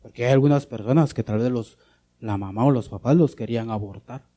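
A man preaching a sermon as a pastor, shifting between loud and soft, asking rhetorical questions and addressing listeners as brother. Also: mid-range voice, brisk.

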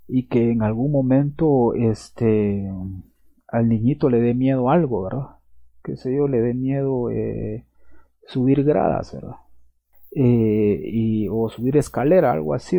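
This pastor's mid-range voice has some vocal fry and comes through a dry, phone-quality recording. He preaches earnestly in a church or teaching setting with slides, repeating himself and tacking questioning asides onto his lines to check in with listeners.

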